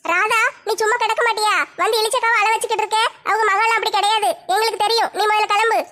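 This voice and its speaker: Rapid-fire, shrill, bright auntie, bossy and scolding, in a comedy skit. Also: female voice, flat delivery. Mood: soothing. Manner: brisk, scolding. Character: scolding village neighbour woman, defensive and bossy.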